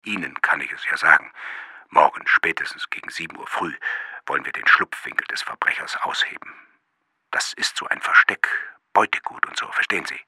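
A man voicing a pushy police sergeant with a rough, gravelly voice, who insists and sometimes drops to a confiding whisper. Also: rumbling low, fast talker, bright, forceful tone, no room sound, clean studio sound, heavily acted.

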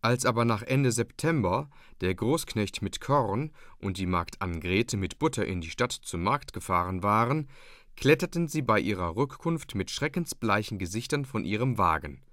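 A man narrating a classic tale in a measured, even manner. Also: on the low side, dry recording, clean studio sound. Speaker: audiobook narrator. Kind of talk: scripted narration of a classic novella.

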